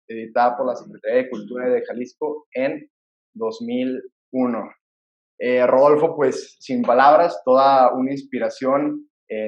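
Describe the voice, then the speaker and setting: A man's voice: mid-range voice, echoey room, muffled recording. A man hosting a podcast interview, earnestly introducing and questioning his guest. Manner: earnest and admiring, reads introductions. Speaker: podcast host.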